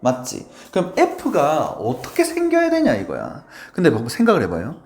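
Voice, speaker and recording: Animated Korean math teacher, wide pitch swings. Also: male voice, normal speed. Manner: playful, addresses students constantly, acts out quoted lines. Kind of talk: lively classroom lecture.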